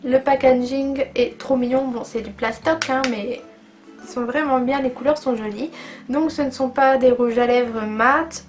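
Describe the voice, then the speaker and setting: A beauty vlogger chats enthusiastically while reviewing makeup products in a casual vlog, using plenty of fillers. Her voice sits high with a steady tone, she speaks unhurriedly, and faint music plays behind her.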